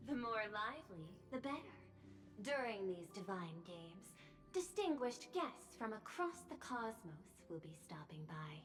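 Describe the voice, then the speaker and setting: A woman's voice: medium pitch, sing-song, measured pace, fairly bright tone, faint music behind. An actress voicing a poised, calculating woman CEO in a video game, formal and faintly menacing.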